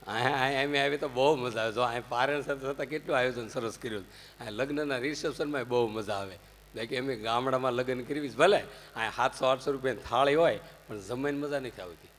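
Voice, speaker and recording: A man with a Gujarati accent giving a humorous religious discourse, telling anecdotes and rising into loud punchlines. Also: medium pitch, a little fast. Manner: jokey, anecdotal, animated swings into loud punchlines. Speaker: religious storyteller. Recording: long hall reverb.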